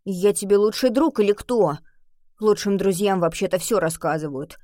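A woman's voice: mid-range voice, moderate pace, warm tone, dry recording, clean studio sound, close to an everyday voice. Woman doing a lovesick schoolboy poet. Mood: earnest. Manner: eager, pompous when reciting verse. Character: earnest lovesick schoolboy, fancies himself a romantic poet. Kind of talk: audiobook reading.

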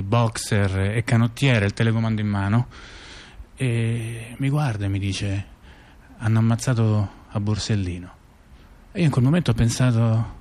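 Grave and reminiscing, a man plays a reflective intellectual in a two-person radio theatre dialogue, looking back on political events. His medium-pitched, darkish voice is lightly acted, and he recollects haltingly in a conversational way, repeating words and restarting.

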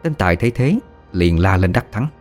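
A man narrating a first-person audio story in a steady storytelling manner. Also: low voice, a little fast, soft background music.

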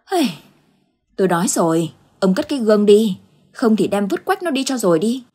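A woman's voice: mid-range voice, sing-song, fairly quick, dark tone. Woman voicing a scolding old village wife. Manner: scolding, dismissive.

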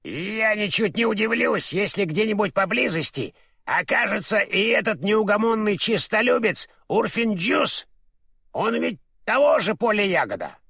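A man voicing a grumpy, scornful old crow in an audiobook, with a shrill, creaky sound. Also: very animated, unhurried, pushed and bright, dry recording, studio quality, heavily acted. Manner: snaps out scornful remarks. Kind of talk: audiobook character voice.

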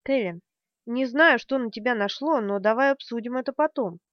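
Audiobook: woman reads a young man, pleading and tearful, higher-set, dry slightly dull recording. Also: moderate pace, dry recording, natural voice. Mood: protesting. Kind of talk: audiobook character reading.

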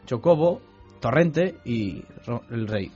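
A man's voice: mid-range voice, lively intonation, takes it slowly, dark tone. A man with an accent from Catalonia hosting a comic radio sketch as a mock-serious, dry interviewer. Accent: Spanish from Catalonia. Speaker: radio show host. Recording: dull radio studio sound with faint music.

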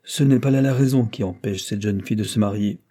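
A guarded country lawyer, played by a male audiobook narrator, who presses each word with deliberate intent. His tone is mellow and slightly husky, and his questions come steady and pointed. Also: lowish voice, natural voice. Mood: probing. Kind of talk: audiobook character voice.

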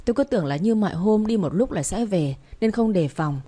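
A woman's voice: medium pitch, animated, warm tone, husky. A woman reading aloud, voicing an older male butler who blames himself in a storybook. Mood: apologetic. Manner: apologetic, slow.

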